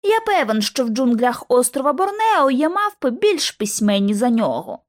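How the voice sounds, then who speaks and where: A woman's voice: high voice, big pitch swings, moderate pace. A woman reading an audiobook, voicing a dry, sarcastic young male agent. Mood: sardonic. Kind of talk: audiobook narration.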